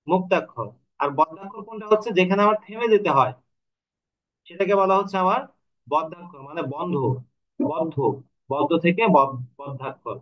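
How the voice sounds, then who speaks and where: A man with a Bangladeshi Bengali accent teaching an online lecture, explaining step by step with rhetorical questions and slowly stretching syllables to demonstrate. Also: high voice, lo-fi sound. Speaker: Bengali literature tutor.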